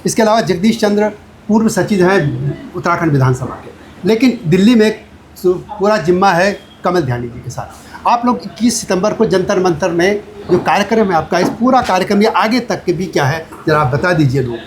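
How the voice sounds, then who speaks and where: A man hosting as a journalist, relaxed and agreeable, with quick acknowledgements between his questions. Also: high-pitched, noisy background. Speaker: journalist host. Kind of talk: conversational interview.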